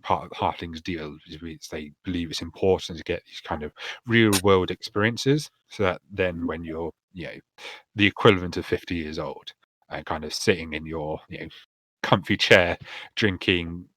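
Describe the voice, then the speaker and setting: Male dungeon master, low voice, rambling explainer, dry close sound. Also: moderate pace, fairly bright tone, no echo. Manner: rambling, full of fillers. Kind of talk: explaining a tabletop campaign world.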